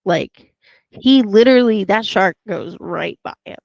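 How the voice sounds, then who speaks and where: Gravelly-voiced woman rambling through a film recap. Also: mid-range voice, a little slow, darkish tone, dry recording, muffled recording. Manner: rambling retelling full of fillers and restarts, acting out quotes. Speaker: podcast co-host. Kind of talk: casual podcast film recap.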